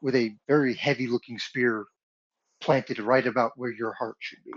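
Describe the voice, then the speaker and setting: A man runs a tabletop game as game master, narrating in a relaxed, hesitant way. His voice sounds dry and dull, like lo-fi online audio. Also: mid-range voice, normal speed, no room sound.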